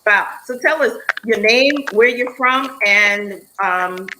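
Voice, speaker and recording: A woman's voice: medium pitch, slow pace, noisy background. A woman hosting an online interview show, upbeat and encouraging with her guests. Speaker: host.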